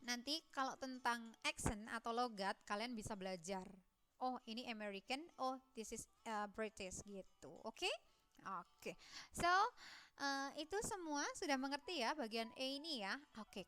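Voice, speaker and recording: Slow, clear-voiced woman teaching English. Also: on the high side, a bit bright. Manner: playful, voices student questions herself; drills words slowly for repetition. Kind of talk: classroom lesson.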